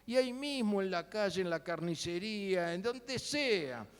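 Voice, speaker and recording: A man preaching a sermon, telling the story with sudden loud and soft turns. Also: high-pitched, very animated, unhurried, clear, resonant tone. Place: church sanctuary. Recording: long church hall reverb.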